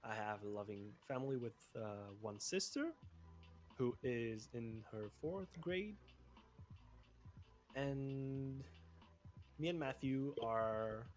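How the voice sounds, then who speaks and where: A man's voice: medium pitch, slow pace, long pauses. Chatty Bulgarian man in his twenties. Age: 20s. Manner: relaxed, self-correcting, chatty. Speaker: podcast co-host. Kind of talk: casual chat.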